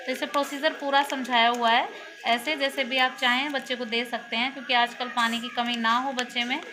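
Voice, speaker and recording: Woman vlogger, high voice, chatty home talk, noisy phone audio. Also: level tone, fairly quick. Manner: chatty, explains step by step. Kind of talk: casual home vlog talk. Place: family home.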